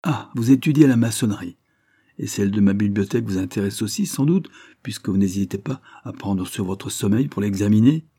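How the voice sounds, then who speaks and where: A man's voice: fairly low pitch, brisk, warm tone, husky, no room sound, studio quality. A man voicing a young engineer who speaks in an ironic, mocking way.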